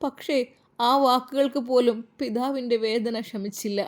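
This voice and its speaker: Mournful, dramatic woman storyteller, fairly high. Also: steady tone, normal speed. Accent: Malappuram Malayalam. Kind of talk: scripted emotional narration.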